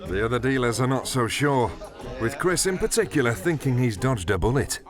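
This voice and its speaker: A man's voice: mid-range voice, expressive, brisk. A man reading scripted narration for a television documentary. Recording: voice-over with music bed.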